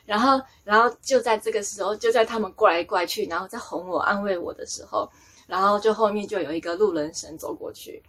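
A woman tells a personal story in a casual, rambling podcast style. She circles back on her words and laughs at herself as she goes. Her pitch is medium. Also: a little fast, a bit bright.

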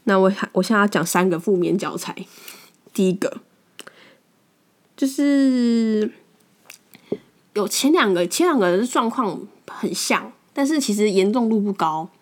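A young woman with a Taiwanese Mandarin accent hosts a podcast, telling stories in a casual monologue. Her mid-range voice has lively intonation and a slightly slow pace with long pauses, and she speaks frankly and bluntly, often repeating words as she restarts.

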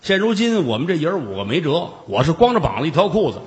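A man's voice: a little high, sing-song, fast talker, voice pushed up. A man voicing a put-upon Daoist priest who complains. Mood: grumbling. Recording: long reverb.

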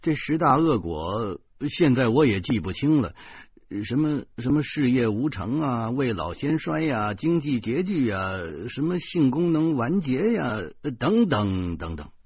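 A man reading a novel aloud as narration, telling the story in a lively way and chuckling now and then. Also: mid-range voice, a little slow, slightly rough, no room sound, highs cut off. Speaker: audiobook reader.

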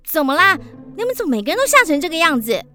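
A woman's voice: extremely high pitch, big pitch swings, racing, pushed and bright, pitched above the performer's own voice, heavily acted. A woman voicing a cheerful school teacher in a children's radio drama, coaxing and sing-song. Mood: soothing. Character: cheerful female school teacher on a field trip. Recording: children's music underneath.

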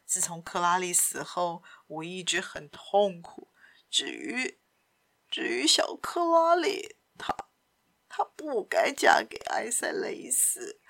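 A woman voicing an old father in a storybook reading, speaking in a faint, halting, pained whisper. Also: lowish voice, gravelly, fairly bright tone, pitched below the performer's own voice, exaggerated voice. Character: old father, broken and pleading, male. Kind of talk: audiobook character voice.

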